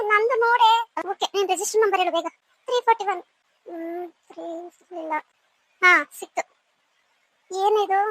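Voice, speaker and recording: A woman voicing a very high-pitched college girl. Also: fairly bright tone, dry recording, poor audio. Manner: quick back-and-forth, scolding and pleading. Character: young female college students, chatty and emotional. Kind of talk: cartoon voice acting.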